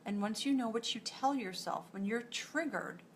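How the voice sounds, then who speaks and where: A woman's voice: a little high, moderate pace, a little hiss or hum. A woman with a New York accent, a nutritionist giving a live coaching talk to an online group in a direct, encouraging way. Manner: direct, encouraging, strings thoughts with "and so".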